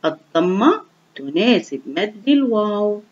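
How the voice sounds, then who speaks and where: A woman teaching young children to read in a slow, clearly enunciated, encouraging voice. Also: medium pitch, big pitch swings. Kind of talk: online reading lesson for young children. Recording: dull lo-fi recording.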